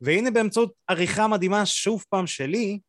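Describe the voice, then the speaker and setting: A man hosting a podcast, talking in a relaxed, halting way with lots of filler sounds. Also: high-pitched, dry recording, studio quality, faint music behind. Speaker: podcast host. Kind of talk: casual podcast chat.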